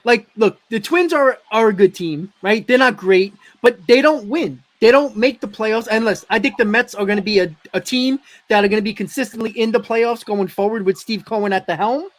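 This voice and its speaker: A man's voice: sits high, moderate pace, hardly any pauses. A man hosting a casual sports talk show, his voice froggy and congested as he is sick with the flu. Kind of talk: casual baseball fan talk.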